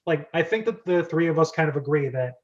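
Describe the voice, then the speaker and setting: A man with a slightly high voice and lively intonation talks briskly as host of a script-reading club. He rambles in a chatty, enthusiastic way during a casual group video call, and the call audio sounds dull and lo-fi.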